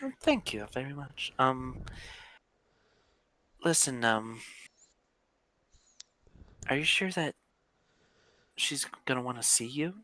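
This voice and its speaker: A man's voice: mid-range voice, lively intonation, slow pace, long pauses, bright, forceful tone. Man putting on a flustered young woman. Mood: flustered polite. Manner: hesitant, lots of ums and stammers. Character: flustered polite young woman innkeeper, early 20s. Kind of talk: improvised tabletop role-play voice.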